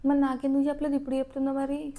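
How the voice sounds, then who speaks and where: A woman's voice: high voice, completely flat delivery, very fast, mellow. A woman, defending herself and snapping back at her husband in a staged family quarrel. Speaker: wife.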